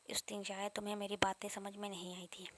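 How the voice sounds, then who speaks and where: A proud young woman student with a curt, scornful tongue, read by a woman narrator. Her voice stays level and flat in pitch while she snaps. It sounds like a storybook reading rather than full acting. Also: close to an everyday voice.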